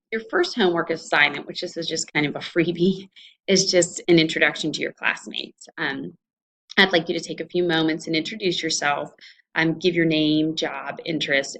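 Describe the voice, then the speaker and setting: A college instructor with an Ohio Valley American accent speaks in a low, gravelly voice with a fairly bright tone. In this informal screencast she walks students through her online course, explaining things in an easy, conversational manner.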